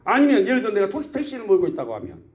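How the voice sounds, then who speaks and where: A man's voice: sits high, huge pitch swings, racing. A man preaching a sermon as pastor of a rural church, often asking the congregation questions. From South Korea.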